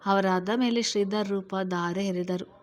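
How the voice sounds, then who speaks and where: A woman's voice: mid-range voice, steady tone, unhurried. A woman steadily narrating a serialized novel as the channel's storyteller.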